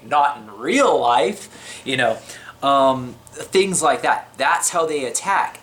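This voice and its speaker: A man's voice: a little high, a bit bright. A man talking casually to camera about faith, chatty and unscripted, his voice slightly shaky. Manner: chatty, unscripted, with many fillers and restarts. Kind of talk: casual religious talk to camera.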